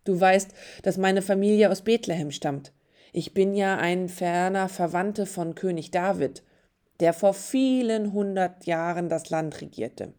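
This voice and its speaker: A woman's voice: on the low side, unhurried, darkish tone, close to an everyday voice. A woman voicing an earnest young male carpenter in a storybook reading. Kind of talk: storybook narration.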